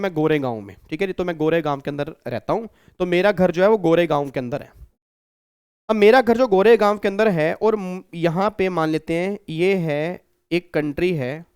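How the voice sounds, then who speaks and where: A male teacher gives a recorded exam-prep lecture in a fairly high, smooth voice. He's chatty, repeats himself, and keeps checking with his students. The audio is clean studio quality with no echo.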